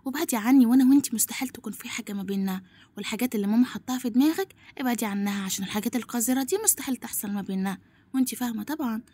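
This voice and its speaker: A woman with an Egyptian accent voicing an arrogant young rich man, curt and scornful, in a rapid, husky drama recap. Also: a little high, mellow. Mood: cold. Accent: Egyptian Arabic. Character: arrogant young male heir, cold and dismissive.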